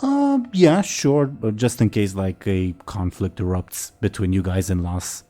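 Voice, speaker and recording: A man's voice: low-pitched, animated, a little slow, warm tone, soft background music. A man running a tabletop role-playing game as game master, narrating and ruling casually.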